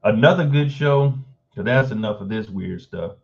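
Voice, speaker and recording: A man's voice: fairly low pitch, animated, normal speed, gravelly, a little mellow, muffled recording. A man hosting a casual live stream, reading an article aloud and breaking off to react with blunt, informal asides.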